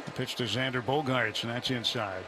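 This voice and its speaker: A man calling baseball play-by-play live from a broadcast booth, speaking in measured short phrases between conversational remarks. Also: medium pitch, fairly even intonation. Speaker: baseball radio play-by-play announcer. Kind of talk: live sports commentary mixed with booth interview. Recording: ballpark booth with clear outdoor background noise.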